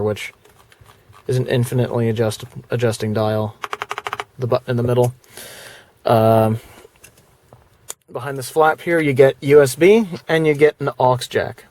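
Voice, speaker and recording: A man with a mid-range, slightly mellow voice rambles through a casual vlog about his car stereo, full of fillers and false starts. He begins indoors before heading out to sit in his parked car for this laid-back product walkthrough.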